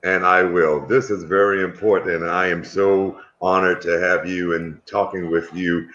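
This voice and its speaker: A man's voice: deep voice, flat delivery, moderate pace, a bit bright, muffled recording. A man hosting an interview, asking questions in a rambling, restarting way. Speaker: interview host.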